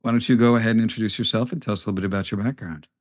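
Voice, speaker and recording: Deep-voiced guy doing podcast host talk, conversational and plain, pretty dry sound. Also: fairly even intonation, racing, no room sound. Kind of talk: podcast introduction and interview.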